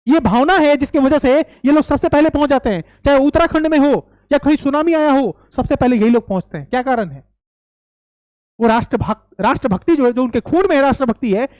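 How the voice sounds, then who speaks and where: Young male coaching teacher lecturing, high voice, dry close sound, emphatic and repetitive with rhetorical questions. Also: darkish tone, dry recording. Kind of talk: classroom-style lecture.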